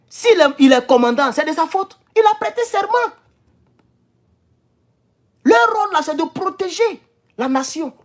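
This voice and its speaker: A man, speaking in an impassioned monologue to his followers. He is emphatic, repeats phrases, and stumbles and restarts as he goes. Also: very high-pitched. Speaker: political YouTuber.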